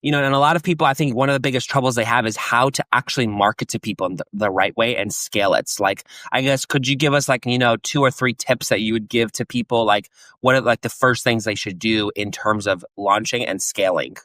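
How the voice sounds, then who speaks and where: A man's voice: medium pitch, a little fast, hardly any pauses, fairly bright tone, dry recording. A man hosting a business podcast, enthusiastic and rambling as he introduces and questions his guest. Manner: enthusiastic, rambling with many "like" fillers. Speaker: podcast host. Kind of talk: casual podcast interview.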